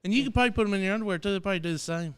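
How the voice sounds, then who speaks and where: Man, live podcast co-host, joking banter, high-pitched, clear voice. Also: rapid-fire, a bit bright. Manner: joking, swears freely, laughs often. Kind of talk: casual live radio banter.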